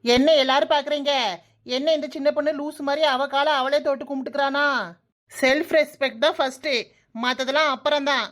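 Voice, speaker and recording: A woman's voice: high-pitched, fairly even intonation, a little fast, a bit bright. A woman doing a sassy cartoon daughter-in-law. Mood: grumbling. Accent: Kanyakumari Tamil. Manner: sarcastic, talks to herself. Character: cheeky young daughter-in-law, lazy and sassy. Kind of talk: comic cartoon dialogue.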